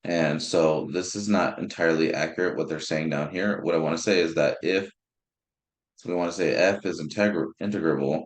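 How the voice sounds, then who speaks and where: Man, young, math lecturer, informal, self-correcting, low-pitched, echoey room. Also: normal speed. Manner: informal, restarts words, thinks aloud with fillers. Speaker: math instructor. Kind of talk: recorded lecture. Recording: roomy echo.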